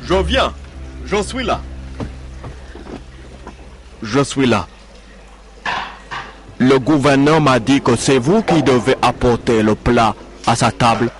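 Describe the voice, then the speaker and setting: A man's voice: medium pitch, expressive, takes it slowly, pauses often. A man voicing a fussy, anxious male restaurant owner who speaks in a placating, nervous way, with music behind.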